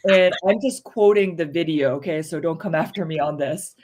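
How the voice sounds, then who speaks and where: A woman co-hosting a casual chat show, speaking candidly and with strong opinions, full of fillers, her pitch rising when she stresses a point. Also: normal speed, a little mellow. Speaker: podcast co-host.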